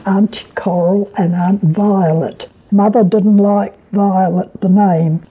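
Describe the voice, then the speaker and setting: An elderly woman with a New Zealand accent and a husky voice, reminiscing haltingly as she is interviewed at home. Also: mid-range voice, steady tone, warm tone, dull audio. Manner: halting, reminiscing, with repeated words and pauses. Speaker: oral history interviewee. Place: at home, indoors.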